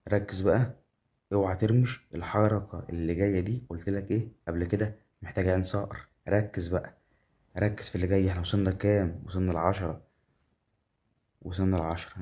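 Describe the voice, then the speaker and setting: A gambling game streamer with an Egyptian accent provides live gameplay commentary in a low, dark voice. Chatty throughout, he counts his winnings aloud and keeps addressing the viewer directly.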